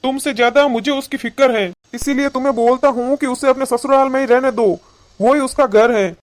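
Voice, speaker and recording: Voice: sits high, steady tone, brisk, close to an everyday voice. A voice actor playing an older cartoon father who patiently reasons with his wife. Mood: reasoning. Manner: patient, persuasive lecturing. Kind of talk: cartoon voice acting.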